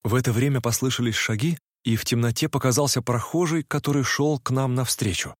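A man narrating a story in the first person, reading in a measured, reflective way. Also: mid-range voice, no room sound, clean studio sound. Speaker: audiobook narrator.

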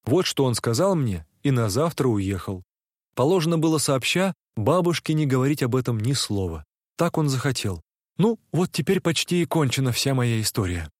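A man reading literary fiction aloud in an expressive, emotional storytelling manner. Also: medium pitch, normal speed, dry recording, studio quality. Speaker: reader.

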